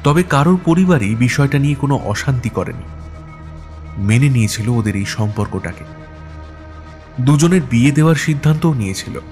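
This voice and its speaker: A man reads an audio story in a steady, measured narration. His voice sits at an ordinary, mid-range pitch.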